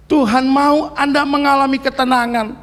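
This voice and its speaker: A middle-aged man preaches. His voice sits very high, and his earnest, short, repeated phrases hang in the long reverb of a church hall. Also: level tone, moderate pace, a bit bright. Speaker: pastor. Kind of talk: sermon.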